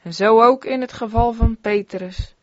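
A woman reading an old-fashioned sermon aloud in an earnest, measured way. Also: fairly high pitch, no echo. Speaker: sermon reader. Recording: dull, dry lo-fi recording.

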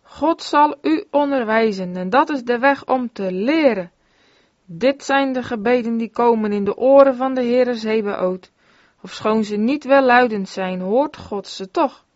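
Woman reading a sermon, fairly high voice. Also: no echo. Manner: earnest, measured reading. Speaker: sermon reader. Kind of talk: read-aloud sermon in old-fashioned biblical language. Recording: dull, dry lo-fi recording.

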